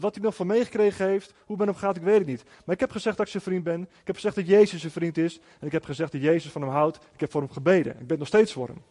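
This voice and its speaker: A man's voice: high-pitched, darkish tone, long reverb tail. A man preaching a sermon as a pastor, telling a personal story in an earnest way with frequent restarts.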